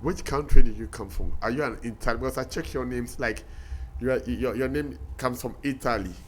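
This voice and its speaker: A man hosting a reggae radio show, asking interview questions haltingly and repeating words. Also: medium pitch, a little hiss or hum. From Ghana.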